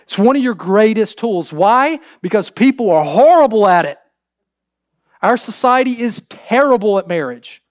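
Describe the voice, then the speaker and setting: A man's voice: high voice, animated, normal speed, no room sound, clean studio sound. A man preaching a sermon as pastor, emphatic, asking his congregation rhetorical questions and addressing the men directly.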